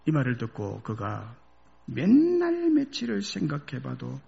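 A male pastor preaching a sermon through a story, with emotional, dramatic swings between loud and hushed delivery. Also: a little high, huge pitch swings, unhurried, vocal fry, highs cut off.

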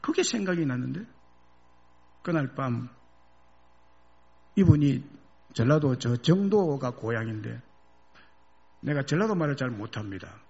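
거친 목소리의 남자 목사, 감정적인 설교, 먹먹한 저음질 녹음. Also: male voice, medium pitch, lively intonation, a little slow, vocal fry, pauses often, highs cut off. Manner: emotive, dramatic swings from loud to hushed. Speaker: pastor. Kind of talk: sermon storytelling.

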